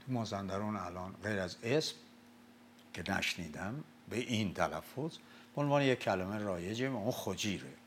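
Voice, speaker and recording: An older man from Mazandaran, telling and explaining old epic tales in a relaxed talk. He recites lines of verse slowly and loudly, then goes back to plain speech. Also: low voice, slight background noise. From Mazandaran, Iran. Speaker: storyteller discussing the Shahnameh. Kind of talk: casual lecture-style talk.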